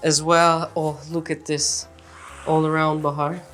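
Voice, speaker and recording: A woman with a Turkish accent hosting a home cooking show, chatting warmly and directly to her viewers from her kitchen. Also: low-pitched, little pitch movement, measured pace, music in the background. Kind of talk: casual cooking demonstration.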